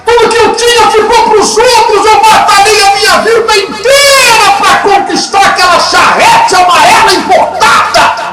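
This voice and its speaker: A preacher shouting as a tormented rich man in hell. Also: very high-pitched, moderate pace, creaky, far from the mic, a crowd in the background. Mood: desperate lament. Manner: anguished pleading shouts. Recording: echoey room with music behind.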